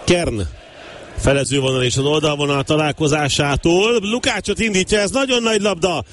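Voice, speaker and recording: A man giving excited Hungarian sports commentary on a football match, bursting into shouts at the big moments. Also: a little high, slight background noise.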